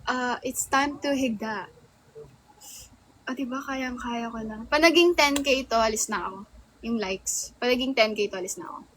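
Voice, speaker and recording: A woman's voice: a little high, normal speed, fairly bright tone, slight background noise, poor audio. A young woman livestreaming, chatting playfully and reacting to viewer comments. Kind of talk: casual live-stream chat.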